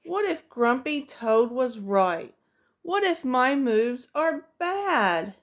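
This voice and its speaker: A middle-aged preschool teacher reads a picture book aloud to children in a sing-song style, giving each character its own voice. Her voice is high with big pitch swings and a slow pace, recorded close up in a small room.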